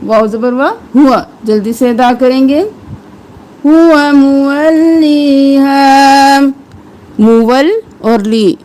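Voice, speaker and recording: High-voiced woman teaching Quran recitation. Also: darkish tone. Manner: breaks words into letters and vowels, slow drawn-out recitation. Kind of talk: tajweed lesson, explaining and reciting slowly.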